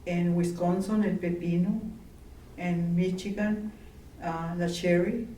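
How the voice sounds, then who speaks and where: A woman from Mexico, slowly and gently reminiscing in an interview. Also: fairly low pitch, steady tone. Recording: roomy, distant, faint background noise.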